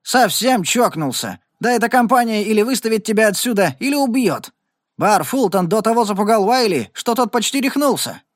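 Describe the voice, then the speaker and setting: Male reader puts on a worried older rancher father: low, slow, gloomy. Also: no room sound, studio quality, natural voice. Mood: alarmed. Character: gruff aging man, worried father.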